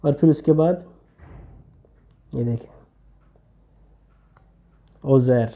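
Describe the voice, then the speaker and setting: A man's voice: fairly even intonation, narrow, tinny audio. A man teaching handwriting step by step, patiently explaining each stroke as he writes. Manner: patient, explains while writing, drops low for "see this". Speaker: calligraphy teacher.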